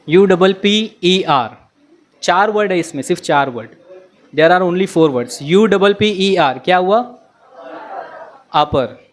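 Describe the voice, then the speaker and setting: Young male teacher, unhurried, slightly high voice, patient classroom explainer. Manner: mixes Hindi and English, explains patiently. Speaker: English teacher. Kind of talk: classroom lecture.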